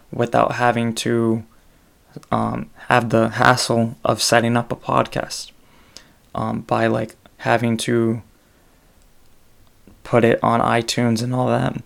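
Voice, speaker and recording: A man's voice: mid-range voice, completely flat delivery, takes it slowly, vocal fry. A man hosting his own podcast alone, talking in a loose, rambling way with many hesitations. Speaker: solo podcast host. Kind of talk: casual solo podcast monologue.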